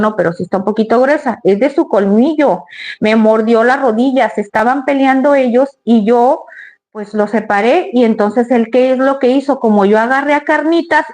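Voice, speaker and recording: A woman vlogging in a loose, chatty style, telling long stories and turning to speak to her viewers directly. Her voice sits a little higher than most women's. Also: a little mellow. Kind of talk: casual storytelling to the camera.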